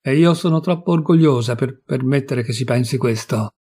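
A man's voice: mid-range voice, moderate pace, mellow, breathy edge, natural voice. Proud wife, as a male reader puts her on. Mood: pleading. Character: proud, offended young wife.

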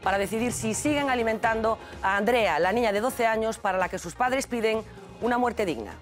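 A woman anchoring a news program, presenting in a brisk, formal manner. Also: on the high side, music in the background.

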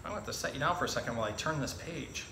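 Racing along in a mid-range voice, a man in his thirties plays zookeeper presenter at an animal storytime, talking and reading to kids in a casual, explanatory, educational manner. The indoor room, with its hard walls and tiled floor, sounds echoey, and there's faint background noise.

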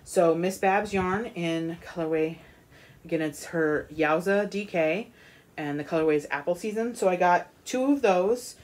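A woman's voice: fairly low pitch, a little slow. A woman hosting a knitting podcast, chatting casually about her yarn purchases with lots of ums and restarts. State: has the hiccups. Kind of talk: casual show-and-tell chat.

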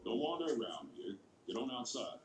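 An actor playing a stern, suspicious, patronizing school principal in a video game, measured and probing. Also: male voice, mid-range voice, very animated, reverberant, slight background noise, natural voice. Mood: stern, fed up.

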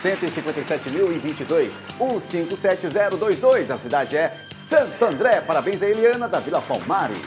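A woman with a Brazilian accent hosting a live prize draw in a booming, emphatic announcer manner. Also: very animated, normal speed, hardly any pauses, music in the background. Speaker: lottery draw host.

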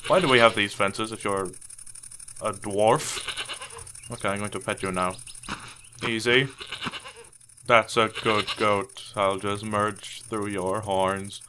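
A man hosting a comedic game commentary video, goofy and excitable, chatting to the characters on screen. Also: fairly low pitch, slow pace, pauses often, background noise. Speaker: gaming video host. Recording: game music playing behind voice. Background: game music.

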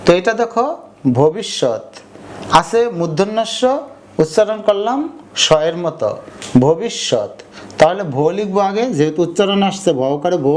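A young man teaching an online grammar lesson, explaining step by step and saying example words again slowly. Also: high voice, a little mellow, a little hiss or hum. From Bangladesh.

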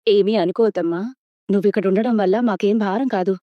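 An actress playing a cautious, worried aunt who gently reproaches a young woman in a TV serial. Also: mid-range voice, brisk, dry recording, close to an everyday voice. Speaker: aunt hosting the daughter. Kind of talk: TV serial acting. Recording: dull lo-fi dry sound.

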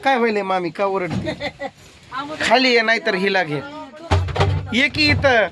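A man's voice: sits high, lively intonation, measured pace, over music. A man vlogging, chatting and teasing as he rides outdoors on a farm vehicle. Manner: teasing, bantering. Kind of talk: casual vlog chat and teasing. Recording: loud outdoor vehicle noise.

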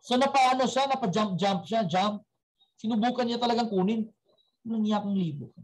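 A man's voice: high-pitched, moderate pace, low-quality recording. A man who has young children, giving a chatty motivational talk at a team meeting and quizzing his audience before telling a story. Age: adult with young children.

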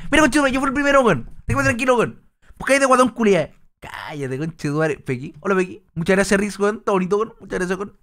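A young man with a Chilean accent rambles through a casual reaction stream, his voice sitting high for a man. He leans on crude slang and stumbling restarts. He also puts on a self-consciously fake, exaggerated voice meant for the internet. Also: a bit bright. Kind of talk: casual livestream reaction chat.

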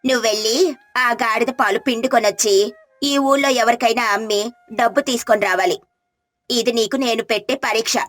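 A haughty village mother-in-law, played by a woman storyteller hands out tests and orders with proud certainty. Her voice sits a little high, and soft music runs beneath it. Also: fairly even intonation, normal speed, lightly acted. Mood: commanding. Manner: commanding, haughty.

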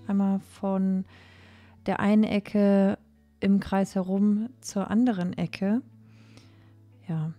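A young woman giving a casual, chatty voice-over about cleaning her home, with many fillers and pauses. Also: medium pitch, warm tone, no echo. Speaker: cleaning vlogger.

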